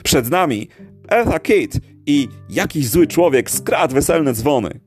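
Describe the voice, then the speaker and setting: A man voicing a brash, cheerful male late-night radio DJ with booming, preachy, folksy patter. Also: big pitch swings, moderate pace, a little mellow, faint music behind, natural voice.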